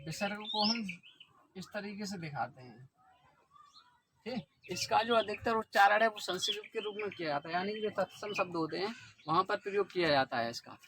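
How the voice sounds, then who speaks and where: A man's voice: high-pitched, animated, normal speed, background noise. A man teaching an exam-prep lesson, explaining step by step and often putting questions to the viewers.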